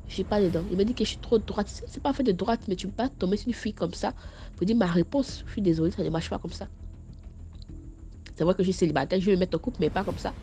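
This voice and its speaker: Stammering young Ivorian woman, animated. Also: mid-range voice, fast talker, a little hiss or hum. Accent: Ivorian French. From Ivory Coast. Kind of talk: casual storytime vlog.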